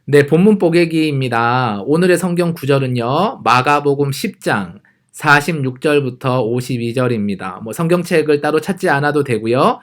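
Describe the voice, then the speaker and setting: A man teaching a youth church Bible lesson, explaining the passage in a friendly, animated way. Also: medium pitch, moderate pace.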